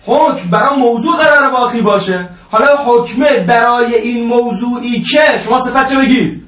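A man teaching a seminary lesson on religious law, lecturing with emphatic, drawn-out phrases and joking asides. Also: extremely high pitch, fairly bright tone. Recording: roomy echo, voice from a distance.

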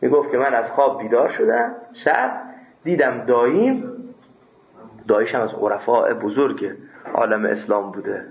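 A man teaching a seminary class. He reads classical quotes slowly, then explains them in a lively, chatty way with jokes. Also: mid-range voice, creaky. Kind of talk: classroom lecture on a religious law text. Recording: roomy, dull lo-fi recording.

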